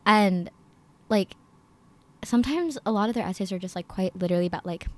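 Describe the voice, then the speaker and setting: A young adult woman from the United States, talking casually as a podcast guest, relaxed and chatty with lots of fillers. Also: mid-range voice, fairly quick.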